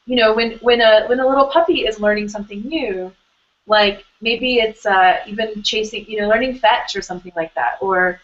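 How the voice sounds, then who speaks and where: A woman's voice: mid-range voice, normal speed. Chatty woman host on a lo-fi call. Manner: chatty, rambling with many fillers and restarts. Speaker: host of an online hangout. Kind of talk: casual conversational interview.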